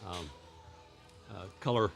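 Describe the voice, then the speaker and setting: A man's voice: slow, a bit bright, soft background music. A man from Texas, a laid-back biker guest on a casual talk show.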